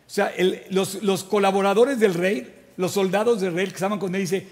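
High-voiced preacher in a reverberant hall. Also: male voice, moderate pace, slight background noise. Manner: animated storytelling, frequent restarts and asides. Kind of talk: sermon with Bible reading.

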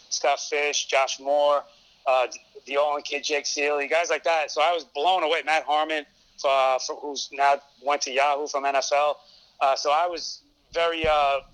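Podcast guest, male, thick Brooklyn accent, forceful higher-pitched voice, conversational interview delivery. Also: rough recording. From Brooklyn, New York. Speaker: podcast guest, fantasy sports show host.

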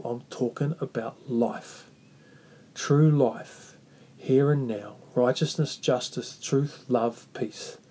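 A man with a New Zealand Māori accent hosting a reflective faith talk, speaking earnestly and haltingly with repeated phrases. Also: mid-range voice, dark tone, husky. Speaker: podcast host.

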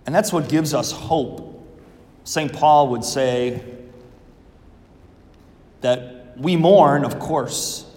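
Reading the Gospel and then preaching, a male priest speaks slowly and earnestly in a fairly high, slightly mellow voice. The recording carries the long echoing reverb of a large church his voice fills.

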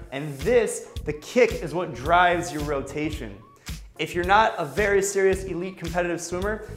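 A man's voice: sits high, roomy sound. A man giving an instructional video lesson as a swim coach, emphatic and instructive, repeating his key points.

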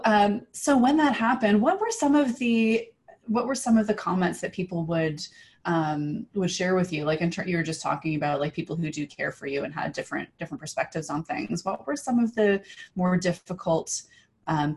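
A woman hosting a podcast interview, asking gentle, attentive questions. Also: on the low side, normal speed. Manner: gentle, attentive, frequent soft affirmations. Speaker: podcast host.

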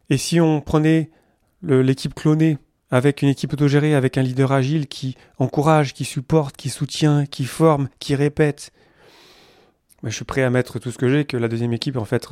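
A man's voice: medium pitch, warm tone, dry recording, clean studio sound. A man hosting a solo podcast, talking earnestly and emphatically, often stacking up lists of verbs. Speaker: podcast host. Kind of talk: solo explanatory podcast monologue.

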